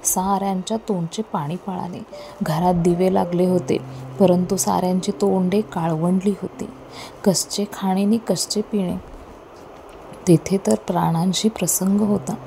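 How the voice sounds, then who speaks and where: A woman reading an audiobook in a measured, expressive storytelling style. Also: lowish voice, gravelly, a little hiss or hum. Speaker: audiobook reader. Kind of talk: storytelling narration. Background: soft music.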